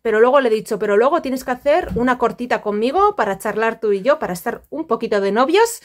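Lady vlogging by the pool, highish voice, chatty, lots of fillers. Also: lively intonation, fast. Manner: chatty, affectionate, many fillers. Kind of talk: casual chat to camera. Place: outdoors by a home pool.

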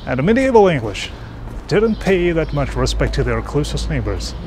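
Holding a camera at arm's length, a young Russian-native vlogger walks city streets and squares amid street noise, delivering a casual educational vlog. His voice is on the high side with big pitch swings at normal speed, and he tosses in wry, irreverent, playful asides.

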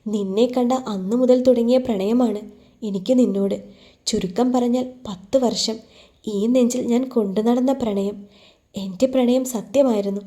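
A woman's voice: on the high side, fairly even intonation, moderate pace, warm tone, lightly acted. A woman voicing a playful young husband who teases his bride and speaks earnestly of his love, in a storybook reading. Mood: tender. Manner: playful teasing turning earnest. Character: young man, teasing, devoted husband in love.

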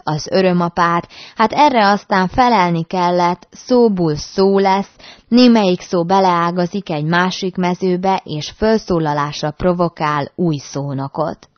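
Woman, audiobook narrator, measured storytelling, low pitch, dry muffled recording. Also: no room sound. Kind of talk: reading a classic novel aloud.

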